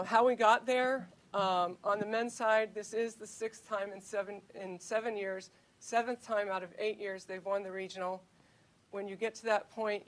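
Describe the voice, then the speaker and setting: A woman coach speaks at a team event. She rambles and restarts her sentences, with plenty of ums and uhs along the way. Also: medium pitch. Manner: rambling, with many fillers and restarts. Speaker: cross country coach.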